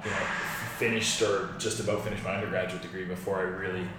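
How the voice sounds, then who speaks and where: A man's voice: deep voice, level tone, fast. A man, talking conversationally as an interview guest. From Newfoundland, Canada. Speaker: guest, physiotherapist. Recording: echoey, distant mic, noisy room.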